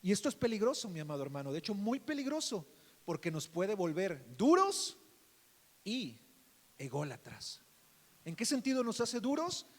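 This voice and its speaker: A man pastor with a Mexican Spanish accent preaching a sermon, calling listeners beloved brother and asking "right?" often, swinging between loud emphasis and soft asides. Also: high voice, huge pitch swings, moderate pace, long reverb tail. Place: church.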